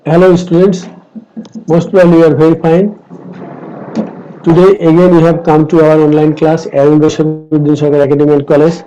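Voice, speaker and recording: A middle-aged man with a Bengali accent, teaching an online grammar lesson and slowly repeating lists of words. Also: fairly high pitch, level tone, warm tone, muffled recording, soft background music. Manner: slow, deliberate, repeats word lists. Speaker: English teacher.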